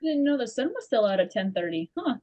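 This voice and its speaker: A woman's voice: a little high, sing-song, brisk, mellow, highs cut off. A woman co-hosting a casual racing podcast, making dry, wry remarks. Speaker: podcast co-host.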